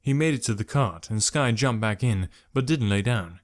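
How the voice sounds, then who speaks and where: A man reading a novel aloud in a measured, even storytelling manner. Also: fairly low pitch. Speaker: narrator. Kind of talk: scripted narration.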